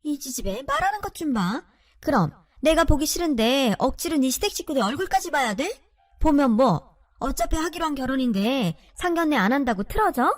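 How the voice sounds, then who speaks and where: A woman's voice: high-pitched, very animated, brisk, no room sound, clean studio sound. A woman voicing a scolding older mother who nags and berates her younger daughter. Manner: sharp nagging scolding.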